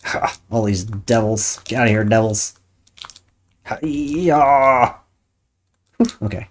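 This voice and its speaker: A woman's voice: rumbling low, level tone, normal speed, a little mellow. A woman streaming a video game, chatting casually and thinking aloud as she plays. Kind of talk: casual chat while playing a game.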